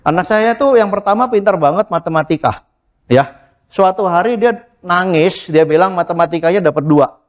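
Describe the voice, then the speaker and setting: High-voiced middle-aged pastor preaching. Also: male voice, moderate pace. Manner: lively, mixes English words, acts out quoted voices. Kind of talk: sermon. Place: church.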